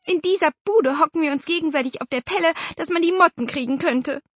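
A woman voicing a brisk, bossy middle-aged aunt who talks emphatically, in a storybook reading. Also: sits high, no room sound, pitched above the performer's own voice, close to an everyday voice. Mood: scolding. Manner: emphatic, scolding. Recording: slightly dull dry recording.

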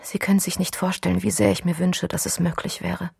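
Lady reading as a guarded young woman, firm and earnest, husky low voice. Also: flat delivery, a little fast, a little mellow, no room sound, studio quality, full character voice. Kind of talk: audiobook dialogue.

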